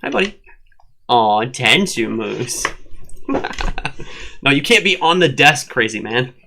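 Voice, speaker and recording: A man's voice: mid-range voice, expressive, slow, vocal fry, background noise. A man co-hosting a live online show, chatting casually, teasing and laughing often. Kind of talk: casual banter. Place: at a desk at home with a dog.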